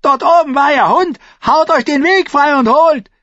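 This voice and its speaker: A man's voice: very high voice, moderate pace, a bit bright, no echo, lo-fi sound, pitched above the performer's own voice. A man voicing a spoiled, cruel teenage boy king who screams his commands. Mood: commanding.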